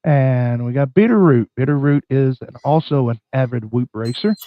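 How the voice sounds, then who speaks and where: A man whose medium-pitched voice is scratchy and worn from bronchitis hosts a live stream chat in a folksy, halting way. The audio is narrow and tinny, with no echo.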